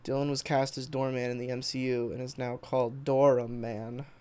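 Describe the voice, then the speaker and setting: In this clip the Texan livestreamer and video editor speaks at a normal speed in a mid-range, level voice with a mellow, clean tone. He chats informally, reading out and responding to comments, rambling and cursing as he goes.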